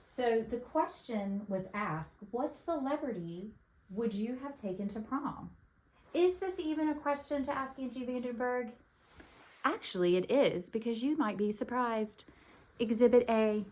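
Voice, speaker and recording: A woman's voice: a little high, expressive, unhurried, darkish tone, rough recording. A woman recording a playful video message for a friend, teasing and theatrical.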